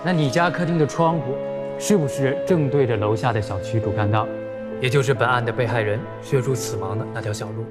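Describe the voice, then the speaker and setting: A man's voice: mid-range voice, over loud music, lightly acted. An actor playing a composed male prosecutor questioning a defendant in court. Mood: formal. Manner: measured, formal questioning.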